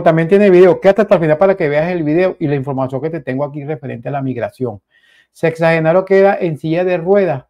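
Speaking directly to his viewers and repeatedly calling them "señores," a man delivers casual, emphatic news commentary, often repeating himself. His voice sits on the high side with a dark tone.

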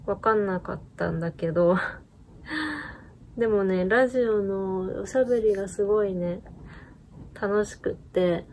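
A woman's voice: medium pitch, a little mellow, slight background noise. A woman hosting a knitting channel, chatting casually in a rambling way with many fillers and small laughs. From Japan. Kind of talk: casual chat while knitting.

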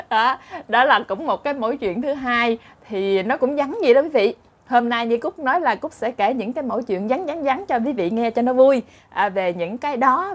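A woman with a Southern Vietnamese accent telling funny short stories in a chatty way, laughing often and acting out characters. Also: a little high. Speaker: storyteller host. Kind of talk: casual comic storytelling.

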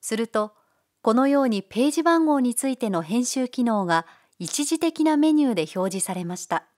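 A woman giving calm, polite, step-by-step narration for a software tutorial. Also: on the high side, normal speed. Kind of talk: scripted screencast narration.

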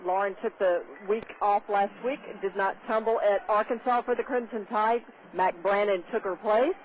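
A man giving technical, measured move-by-move color analysis of a gymnastics meet on live radio. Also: high-pitched, fairly even intonation. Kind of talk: live radio sports commentary. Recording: dull noisy radio broadcast.

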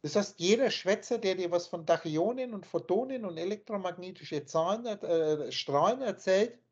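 A man's voice: high voice, animated, normal speed, husky. A man teaching in an emphatic, scornful lecturing manner, speaking over a video call. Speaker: spiritual teacher. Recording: dull lo-fi online call audio.

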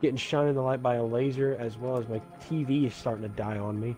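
A man's voice: mid-range voice, steady tone, quick pace, dark tone, faint music behind. A man giving casual, joking commentary while playing a shooter game with a friend, often echoing what his partner says. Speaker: gaming streamer.

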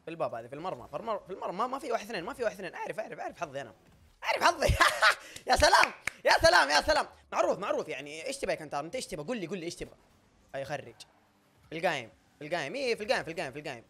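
A young man giving loud, excitable gameplay commentary, often shouting and laughing at his own plays. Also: fairly high pitch, rapid-fire, husky. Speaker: gaming YouTuber.

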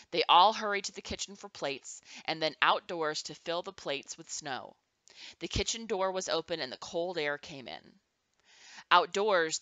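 A woman reading a children's chapter book aloud to her nieces and nephews, expressive and animated. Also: lowish voice, no echo. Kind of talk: storybook read-aloud.

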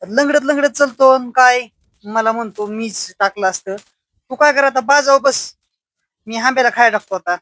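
Fussing woman, high voice. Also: moderate pace, a bit bright, dry recording. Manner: coaxing, fussing and scolding a child. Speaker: vlogger. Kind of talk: casual family chat.

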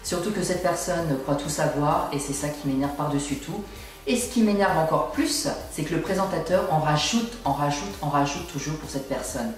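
A man's voice: fairly high pitch, normal speed. A young man giving an emphatic, exasperated opinion rant to camera, complaining as he goes. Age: young adult. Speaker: video blogger. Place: small indoor room at home. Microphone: camera at a short distance. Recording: very echoey room, distant microphone.

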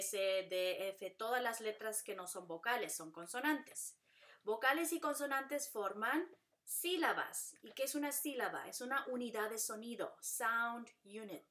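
A woman with a bright, clear voice gives a Spanish lesson. She talks patiently and works through each pattern step by step, repeating it many times. Now and then she slips into English to explain a point. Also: fairly high pitch. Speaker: Spanish teacher. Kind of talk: classroom lesson.

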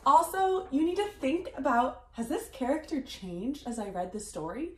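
A woman teaching first graders in a recorded reading lesson, speaking clearly and encouragingly. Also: sits high, expressive, normal speed, darkish tone, roomy sound.

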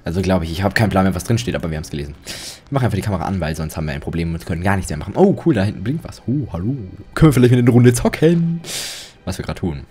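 A man's voice: low voice, lively intonation, racing, mellow, soft background music. A young man commentating a horror game, jittery and rambling, joking and yelping when startled. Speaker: let's play commentator.

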